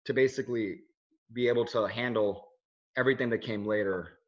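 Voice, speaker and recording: A video journalist in his thirties, raised in Switzerland and speaking with no accent, is interviewed in a casual conversation. He talks earnestly and rambles, full of restarts and fillers, in a mid-range, steady voice that's a little fast. The audio is dull and lo-fi.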